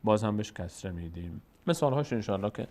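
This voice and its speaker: Man teaching Quran recitation slowly. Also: lowish voice, expressive, a little mellow. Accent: Tajik-influenced Persian. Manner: slow, drawn-out demonstration of Arabic words between explanations. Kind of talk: recitation lesson.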